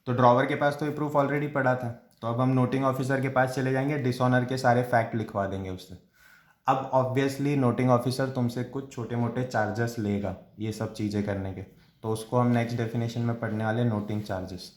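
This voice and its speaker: A man's voice: mid-range voice, steady tone. Man teaching commerce in an echoey room. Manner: explains step by step, asks and answers his own questions, reads definitions slowly. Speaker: commerce tutor. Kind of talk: classroom lecture in Hinglish.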